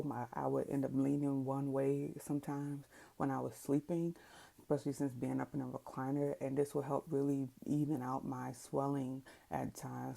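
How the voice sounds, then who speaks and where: Female vlogger, very low pitch, heavy vocal fry, casual explanatory delivery. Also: warm tone, poor audio. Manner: conversational, explanatory. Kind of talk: casual product recommendation vlog.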